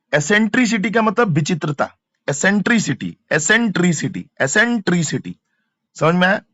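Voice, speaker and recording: Man drilling vocabulary, slow repetitive teaching. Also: on the high side, a bit bright, no echo. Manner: repeats each word slowly, drills pronunciation, checks understanding. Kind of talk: exam-prep vocabulary lesson. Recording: dull, dry lo-fi sound.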